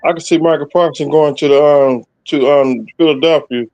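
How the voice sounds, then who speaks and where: A man in his fifties joins a casual sports talk, his voice sitting a little higher than most. He speaks in a halting way, pausing often on fillers. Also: steady tone, a little mellow, lo-fi sound, faint music behind. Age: 50s.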